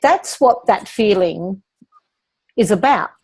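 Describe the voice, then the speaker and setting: A woman hosting a live question-and-answer session as a speaking coach, explaining techniques in a calm, guiding way. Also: medium pitch, takes it slowly, slightly rough.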